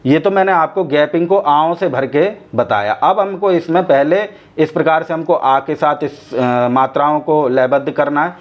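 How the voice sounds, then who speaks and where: Patient male tabla teacher, slow recitation. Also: fairly high pitch. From India. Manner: patient, explanatory, slow deliberate recitation of bols. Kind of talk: music lesson, reciting tabla syllables. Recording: slightly dull lo-fi recording.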